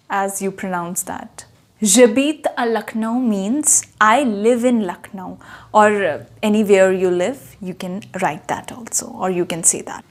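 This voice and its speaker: A young woman teaching a beginner French lesson, repeating and spelling out each phrase patiently. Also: medium pitch. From India. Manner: repeats words slowly, spells them out. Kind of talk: slow, patient language lesson.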